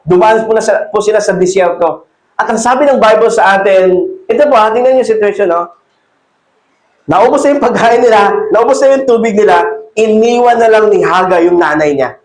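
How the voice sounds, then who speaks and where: A man preaching a sermon as pastor. He reads Bible verses slowly, mixes Tagalog and English, and rises in pitch and volume when he urges the listeners on. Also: echoey room, poor audio. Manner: rises and grows louder when exhorting. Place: church hall.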